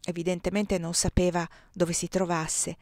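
A woman reading a novel aloud in a measured, expressive narration. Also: on the low side, no echo, studio quality. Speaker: audiobook reader.

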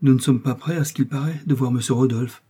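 A man's voice: medium pitch, steady tone, fast talker, warm tone, slightly rough, voice pushed up, close to an everyday voice. A man reading aloud, voicing an anxious, devoted husband who is a country doctor, speaking in raised, urgent tones. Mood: chatty.

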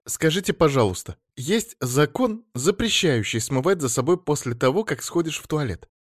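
A man voicing an agitated woman phoning the police, talking fast and pleading, then furious. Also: a little high, expressive, no room sound, studio quality, voice pushed up. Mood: worried, rambling. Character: agitated middle-aged woman caller, shrill and indignant.

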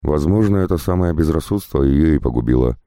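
A man's voice: very deep voice, lively intonation, brisk, dark tone, no room sound, clean studio sound. A man voicing a sly, mocking, seasoned mercenary starship captain in a spoken audiobook. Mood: calm.

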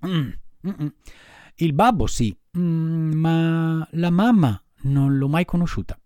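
A man voicing a frightened little wooden puppet boy who wails and pleads in a high voice. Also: takes it slowly, warm tone, clean tone, no room sound, clean studio sound. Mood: sad, hesitant.

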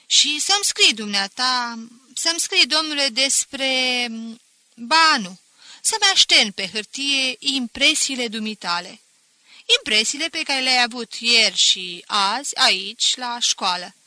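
A woman's voice: on the high side, expressive, sharp tone, dry recording, pitched above the performer's own voice. A woman voicing a scornful, mocking older male schoolteacher who talks with sarcastic chuckles in an audiobook. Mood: condescending.

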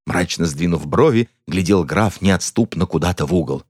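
A man narrating a comic story in an expressive, mock-dramatic reading. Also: sits low, normal speed, breathy edge, no room sound, clean studio sound. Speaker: audiobook narrator.

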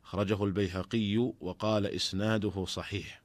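Scholar guy teaching on radio, lowish voice, slow careful formal delivery, dry studio sound. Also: level tone, dry recording. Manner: measured, deliberate reading. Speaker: Islamic scholar teaching jurisprudence.

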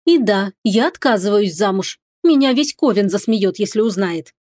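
A woman reading an audiobook, voicing a proud, sharp-tongued young witch heroine who talks in a defiant, mocking way. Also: medium pitch, lively intonation, moderate pace, no echo, clean studio sound, lightly acted.

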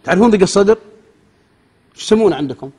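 Guy preaching fast n funny, husky high voice, acts out little scenes. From Saudi Arabia. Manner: animated, joking, acts out exchanges, swings between loud and soft. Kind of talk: humorous sermon.

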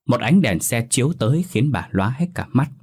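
A man narrating a horror story in a measured, dramatic way. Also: mid-range voice, very animated, darkish tone, husky.

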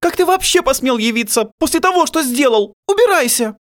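A man's voice: extremely high pitch, lively intonation, fairly quick, a bit bright. A male audiobook reader voicing a distraught, furious middle-aged mother who shrieks tearful accusations. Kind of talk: audiobook character voice.

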